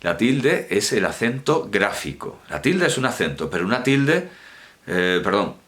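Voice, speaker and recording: A man's voice: lowish voice, sing-song, a little slow, a bit bright. A man giving an informal university lecture, digressive and colloquial, correcting himself and repeating key words.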